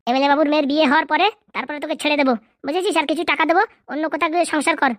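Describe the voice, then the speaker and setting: A woman voicing a bossy male henchman in a cartoon comedy dub, gruff and mocking as he threatens his captive. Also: high voice, fairly even intonation, rapid-fire, no echo, clean studio sound, natural voice.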